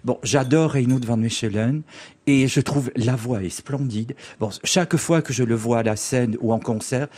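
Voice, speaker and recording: A man's voice: medium pitch, moderate pace, a little mellow. A man with a mid-range voice speaks as a music critic on a live radio panel. He talks emphatically and gushes over a singer he admires. He grumbles wryly about music that is not to his taste. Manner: emphatic, enthusiastic, with wry complaints. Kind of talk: opinionated panel discussion. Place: hotel venue, live before an audience.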